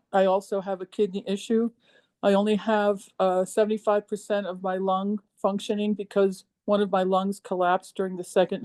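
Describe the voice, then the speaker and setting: A woman of seventy giving a personal testimonial, emotional and halting, with many ums and restarts. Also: mid-range voice, dark tone. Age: 70s. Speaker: program participant.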